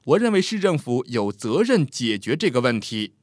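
A man's voice: mid-range voice, sing-song, moderate pace, no room sound, studio quality, close to an everyday voice. A man voicing a confident young man who speaks frankly and cheerfully in a told story. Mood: hearty.

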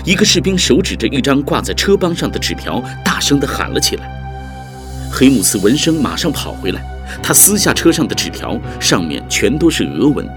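A man narrating a dramatic audiobook story in a vivid, expressive storytelling voice, over background music. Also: medium pitch.

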